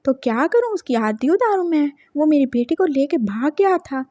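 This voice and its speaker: A woman voicing a wealthy, lonely old grandfather who is gruff and emotional in a spoken story. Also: high-pitched, animated, normal speed, warm tone, dry recording, clean studio sound. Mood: angry. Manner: scolding then doting.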